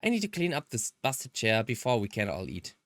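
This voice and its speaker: In a dry recording, a woman with a rumbling low voice dubs a visual novel character, a breezy, cryptic and sinister young woman. She speaks a little fast, teasing in a cheerful sing-song.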